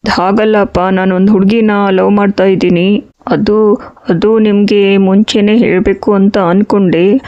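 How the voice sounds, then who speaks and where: A man's voice: high voice, level tone, unhurried. A man playing a hesitant, apologetic young adult son who works in an office, in a home drama. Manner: hesitant, filler-laden, apologetic. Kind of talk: Kannada home drama acting. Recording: slightly dull audio.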